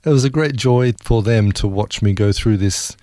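A middle-aged Australian man from rural New South Wales, a ministry CEO and former army serviceman, gives personal testimony as a guest in a conversational interview. His voice is lowish and mellow at a moderate pace, and he's earnest and emphatic, repeating phrases for stress. The studio sound is clean with no room sound.

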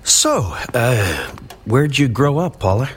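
An actor playing an easygoing, helpful young man in a radio drama, relaxed and sometimes stumbling over his words. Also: mid-range voice, slow, a little hiss or hum. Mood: flustered. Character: easygoing young man, helpful small-town youth worker.

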